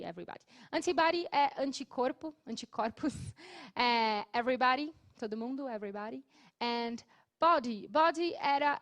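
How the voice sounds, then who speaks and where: A Brazilian woman teaching an English class, explaining patiently and modeling words slowly. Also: fairly high pitch.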